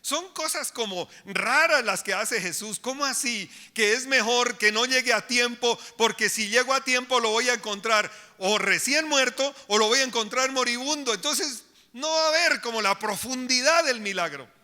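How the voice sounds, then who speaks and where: High, bright-voiced preacher man. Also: normal speed, hardly any pauses, long reverb tail. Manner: emphatic preaching, speaks directly to the congregation. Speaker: pastor. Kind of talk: sermon. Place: church.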